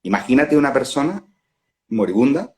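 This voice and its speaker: Un hombre con acento de España que da una charla espiritual reflexiva con calma, pensando en voz alta y riéndose de sus propios ejemplos, grabado con un teléfono en una transmisión en directo. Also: male voice, mid-range voice. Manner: unhurried, musing, laughs at own examples. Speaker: non-duality facilitator. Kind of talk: reflective spiritual talk. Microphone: phone on a live stream.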